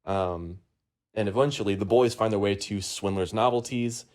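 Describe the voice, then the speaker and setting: A man's voice: fairly low pitch, moderate pace, a little mellow. A man hosting a casual podcast, rambling through a movie plot recap with lots of ums and uhs among friends. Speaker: podcast host.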